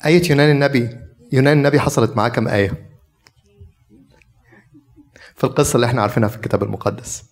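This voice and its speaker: A man's voice: medium pitch, racing. A man with an Egyptian Arabic accent preaching a sermon in a conversational way, putting questions to his listeners. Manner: conversational, asks the audience questions.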